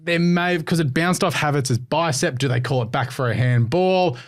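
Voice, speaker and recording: A man's voice: a little high, moderate pace. A man co-hosting a casual football podcast, blunt and opinionated with a dry edge. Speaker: podcast co-host. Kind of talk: casual sports podcast chat.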